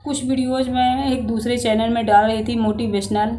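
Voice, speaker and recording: A woman's voice: on the high side, steady tone, moderate pace, warm tone, slight background noise. A woman vlogger talking straight to her viewers in a casual motivational talk, earnest and preachy, asking rhetorical questions as she gives advice, recorded on a phone. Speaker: vlogger giving life advice.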